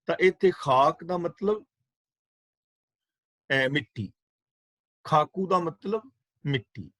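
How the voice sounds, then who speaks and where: A man giving a scripture exposition class on a video call, explaining patiently and repeating key words in a measured way. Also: fairly high pitch, a bit bright, no room sound. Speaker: Sikh scripture teacher. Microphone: video call microphone.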